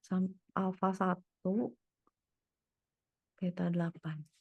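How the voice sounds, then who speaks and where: Woman tutor, unhurried delivery, dry close sound, mutters through each step while thinking aloud. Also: lowish voice, little pitch movement, creaky, slightly rough, no room sound, phone-quality sound. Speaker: private tutor. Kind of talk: one-on-one tutoring, working through problems aloud.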